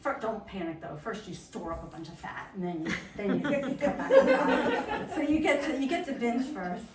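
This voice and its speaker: A woman's voice: mid-range voice, very animated, crowd noise. A woman wellness coach giving an upbeat, chatty talk to a small group at an indoor event. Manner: chatty, upbeat, quick asides. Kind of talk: lively storytelling presentation. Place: indoor event room at a chiropractic office. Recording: echoey room from a distance, faint ambience.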